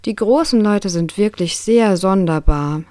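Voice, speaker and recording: A woman voicing a curious, innocent little boy prince in a gentle, wondering child voice. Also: mid-range voice, a little slow, no echo, studio quality, voice pushed up, lightly acted.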